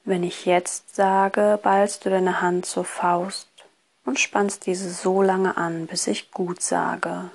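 A woman guiding a relaxation exercise in a soft, partly breathy voice, with a soothing, hypnotist-like delivery. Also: lowish voice, flat delivery, slow pace. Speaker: relaxation course instructor. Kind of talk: guided relaxation, scripted instruction.

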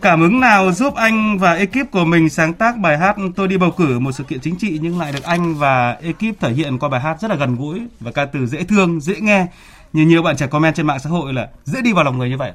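A man hosts a radio interview show. His voice sits a little high for a man, and he speaks through a face mask. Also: animated, fast, fairly bright tone. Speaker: radio host.

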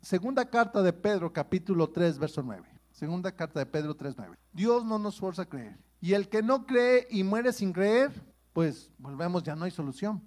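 A pastor preaches to his congregation conversationally, reading and explaining scripture while repeatedly checking in with his listeners. His high voice has a sing-song lilt, a moderate pace, and a slightly mellow quality.

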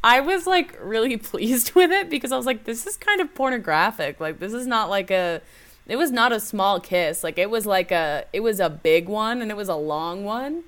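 A woman's voice: medium pitch, normal speed. A woman hosting a podcast, recapping a film in casual chat and laughing often. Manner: giggly, animated storytelling. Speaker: podcast host.

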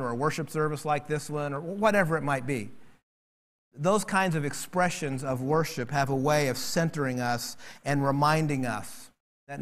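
A man preaching a sermon as pastor, animated and acting out quoted voices. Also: fairly high pitch.

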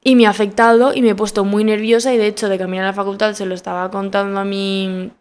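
A young woman in her twenties with a Spanish accent from Spain, hosting a podcast and telling a story in a casual, animated way with emphatic repetition. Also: medium pitch, fast, clean tone. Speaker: podcast host.

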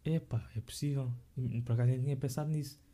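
A young man speaks European Portuguese in a casual podcast chat. His voice is extremely dark and mellow, with a middle pitch. He talks loosely in slang, with hesitations and restarts. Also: steady tone, fast.

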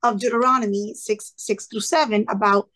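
A medium-pitched woman speaks at a moderate pace as a guest in an interview, telling her story conversationally. She's in her thirties, a former classroom teacher with Cuban family roots, earnest and animated, and she acts out those she quotes in lively asides.

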